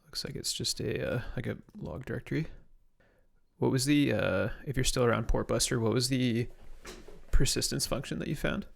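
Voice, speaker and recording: Speaking at a normal pace with a medium-pitched, creaky voice, a young man from Canada mutters through a reverse-engineering livestream. He thinks aloud in a relaxed way, reading out chat questions and answering them.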